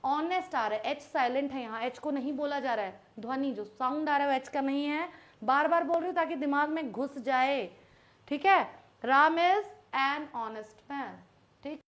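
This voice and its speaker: A woman teaching English grammar in a live online class, speaking Hindi with English mixed in. She is patient and repeats words slowly so they stick. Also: sits high, a bit bright.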